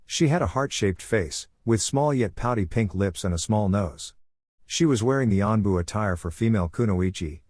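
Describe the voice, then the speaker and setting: A man reading a fan-written story aloud in a steady, even narration. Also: lowish voice, no echo, studio quality.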